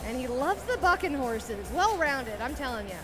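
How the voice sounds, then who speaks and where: A woman's voice: high-pitched, big pitch swings, normal speed, poor audio. A woman co-announcing a live children's rodeo event in a gushing, encouraging way. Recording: music behind live announcing.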